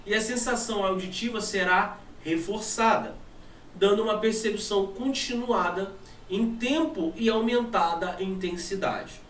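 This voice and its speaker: Brazilian male teacher, high voice, animated, echoey room far from mic. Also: a little hiss or hum. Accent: Brazilian Portuguese. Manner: animated, asks and answers his own questions. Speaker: physics teacher. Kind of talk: classroom lesson. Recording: echoey room from a distant mic, faint ambience.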